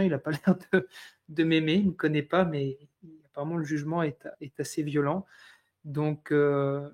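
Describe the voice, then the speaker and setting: A French man in his thirties, a guest in a live online talk, tells his life story with lots of pauses and restarts. His voice is fairly high and a little mellow, and his delivery is hesitant and full of fillers.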